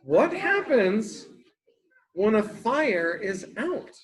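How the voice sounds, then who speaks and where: Reading a picture book to little kids, this man speaks very slowly in a high-pitched voice that swings widely in pitch. He uses simple, repetitive wording and poses questions the way a teacher would, though the audio quality is rough.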